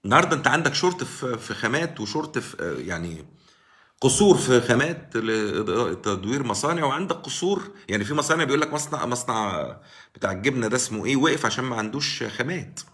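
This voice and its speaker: Animated Egyptian man hosting a live stream. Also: mid-range voice, quick pace. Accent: Egyptian Arabic. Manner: animated, argumentative, answers viewers by name. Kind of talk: casual political commentary on a live stream. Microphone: live-stream mic.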